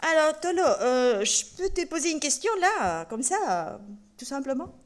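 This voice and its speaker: Playful high-voiced woman preacher. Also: measured pace, noisy background. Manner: lively and playful, talking to children. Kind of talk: playful children's sermon with a puppet. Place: church.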